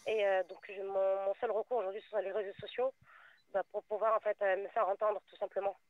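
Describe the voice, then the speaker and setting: A woman calling in over a phone line, a mother telling her situation in a halting, distressed way with many fillers. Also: medium pitch, level tone, no room sound. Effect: heard over a phone line. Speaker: caller. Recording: tinny phone line from far off.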